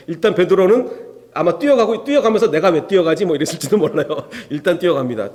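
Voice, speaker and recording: A man's voice: fairly high pitch, darkish tone. A male pastor preaching an expository sermon, asking the congregation rhetorical questions and acting out biblical dialogue. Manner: acts out biblical dialogue in shifting voices. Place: church sanctuary. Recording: long reverb from a church hall.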